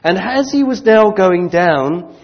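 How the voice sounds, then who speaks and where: A man preaching a sermon into a pulpit microphone, earnest and deliberate, reading scripture and growing fervent. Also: high voice, lively intonation. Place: church sanctuary. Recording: dull church recording with long hall reverb.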